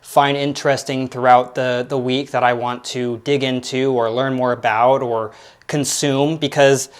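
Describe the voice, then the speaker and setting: A young man in his late twenties chats through his own podcast. His voice sits in a middle pitch, and he wanders through thoughts with frequent fillers and self-deprecating asides. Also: level tone, measured pace. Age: 20s. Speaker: podcast host. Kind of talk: casual solo commentary.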